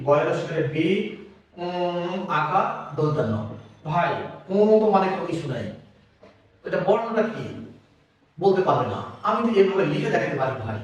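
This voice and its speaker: Male teacher, Bangladeshi Bengali accent, high voice, patient repetitive explaining, very echoey room, mic far off. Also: slight background noise. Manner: explains slowly, repeats sounds, writes as he talks. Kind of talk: classroom lesson.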